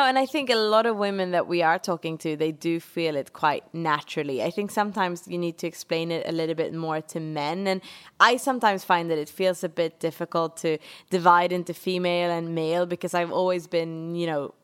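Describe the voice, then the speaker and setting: A woman's voice: lowish voice, brisk, clear, resonant tone. A woman from Sweden, co-hosting a podcast in casual, bubbly chat full of restarts. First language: Swedish. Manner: chatty, bubbly, with frequent restarts and fillers. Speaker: podcast co-host. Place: home in New York, remote call.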